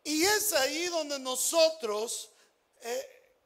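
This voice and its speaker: A man preaching a sermon as pastor, stressing key phrases and asking the congregation rhetorical questions, dropping to soft asides between louder lines. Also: very high voice, extremely slow.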